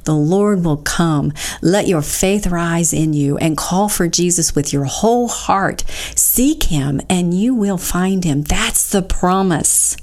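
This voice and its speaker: A woman leads a recovery devotional, reading scripture and praying in an earnest, fervent way. Her voice sits somewhat low for a woman. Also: darkish tone. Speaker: co-host of a recovery devotional show.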